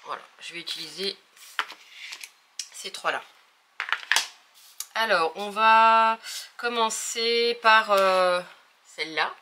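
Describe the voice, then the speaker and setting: A woman's voice: mid-range voice, takes it slowly, pauses often, background noise. A woman hosting a casual craft tutorial, talking hesitantly with many fillers as she thinks aloud while working.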